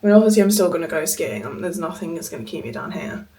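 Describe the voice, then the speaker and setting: A woman's voice: fairly low pitch, sing-song, fast, mellow, reverberant, distant mic, rough recording. A young woman in a casual vlog to camera, sounding ill with a cough and short of breath, chatty and frustrated but determined. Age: young adult. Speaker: vlogger. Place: indoors at a holiday home.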